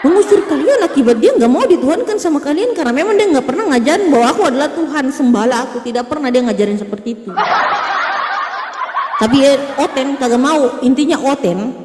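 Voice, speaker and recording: A woman's voice: high-pitched, expressive, quick pace. A woman talking casually to viewers on a religious livestream, mocking and laughing often, speaking into a phone. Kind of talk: casual livestream debate talk. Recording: echoey room with long reverb and noise.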